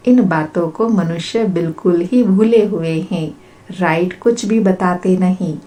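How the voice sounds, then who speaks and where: Brief: woman as spiritual reader, unhurried steady recitation, mellow tone. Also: fairly low pitch. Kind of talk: reading a religious discourse aloud.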